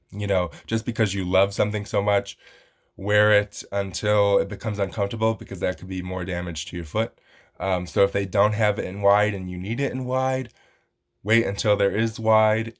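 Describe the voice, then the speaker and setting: A man with a somewhat low voice talks through a casual product review vlog. He rambles, dotting his sentences with ums and you-knows, and speaks to his viewers in a friendly, direct way. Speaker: vlogger reviewing shoes.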